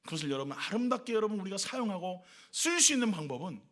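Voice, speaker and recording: A man preaching with a high, sharp, bright voice that swings widely up and down. He presses his points with rhetorical questions and repeated lists, the way a pastor delivers a Sunday sermon to his church. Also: very animated, quick pace. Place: church worship service.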